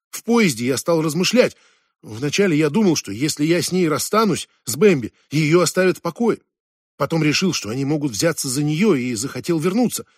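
A nervous young man, voiced by a man reader, explains himself in halting, defensive bits. The tone is husky and fairly high. The recording is dry and close. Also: no echo. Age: young adult.

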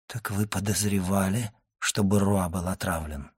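A man voicing a grave, hushed doctor. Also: steady tone, a little slow, breathy edge, no room sound, studio quality. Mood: hushed probing. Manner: low, hushed, urgent questioning. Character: grave, probing male doctor questioning an old man.

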